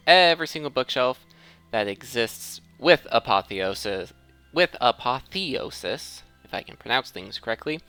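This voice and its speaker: A man with a mid-range, sharp-toned voice provides casual commentary on modded Minecraft gameplay, thinking aloud and correcting himself as he goes.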